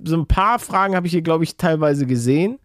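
A man's voice: a little high, expressive, fairly quick, no room sound, studio quality. A man chatting casually as a podcast co-host, with a bantering, grumbling, colloquial manner. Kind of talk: casual chat.

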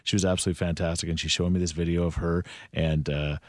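A man's voice: low-pitched, level tone, fast, a little mellow, no room sound. A man hosting a morning radio show in the upbeat manner of a radio contest promo, on a studio microphone.

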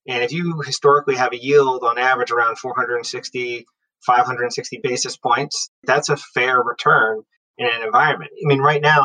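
Bright, forceful man explaining as an expert guest. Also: mid-range voice, low-quality recording. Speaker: investment research head, interview guest. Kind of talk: explanatory interview talk.

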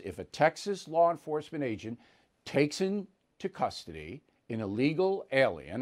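A man hosting an opinionated commentary monologue, emphatic and repeating words for punch. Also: medium pitch. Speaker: host.

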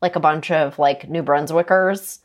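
A woman's voice: low-pitched, steady tone, normal speed. A woman in casual chat, playfully guessing at sports terms and acting out little scenes. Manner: playful, acts out scenes in bursts of voices. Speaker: quiz guest.

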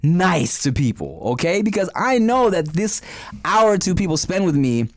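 A man co-hosting a podcast, telling a story in animated casual chat and swearing freely. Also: high-pitched, normal speed. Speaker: podcast co-host.

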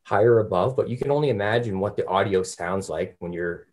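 A man's voice: on the low side, a little fast, darkish tone. A man speaking as a comedian guest in a casual interview, griping in a wry, blunt way.

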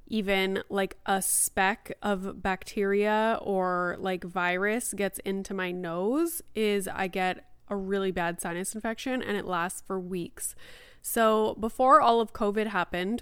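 A woman's voice: mid-range voice, clean tone, no room sound, clean studio sound. A woman in her thirties with a slightly nasal voice, hosting a solo podcast in a chatty, informal way. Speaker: podcast host. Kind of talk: casual solo podcast chat.

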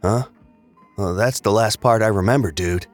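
An actor playing a laid-back stoner roommate who talks in an unbothered, drawling slacker way. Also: male voice, on the low side, normal speed, soft background music, natural voice. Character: laid-back stoner male roommate, easygoing and munchie-minded. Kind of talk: audio drama acting.

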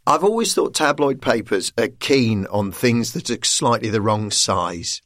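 Playful man, lively pitch. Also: a little slow, a little hiss or hum. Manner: playful, laughing, rambling asides. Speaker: comedian guest. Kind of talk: casual panel chat.

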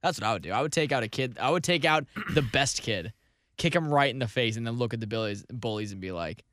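A young man with a slightly worn, hoarse voice co-hosting a podcast in casual, sweary, joking chat. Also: medium pitch, expressive, fast, fairly bright tone, no echo. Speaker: podcast co-host.

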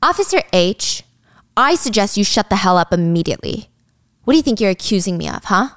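A woman's voice: medium pitch, big pitch swings, brisk, dry recording, clean studio sound, close to an everyday voice. A woman voicing a scornful, defensive police chief who mocks and threatens a junior officer, in a drama recap. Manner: sarcastic, threatening.

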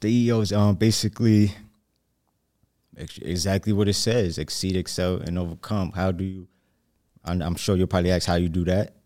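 Deep-voiced man with a Brooklyn accent. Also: fairly even intonation, brisk, warm tone. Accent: Brooklyn New York. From New Jersey, US. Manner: slangy, street-casual. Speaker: hot seat guest, aspiring motivational speaker. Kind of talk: casual conversation.

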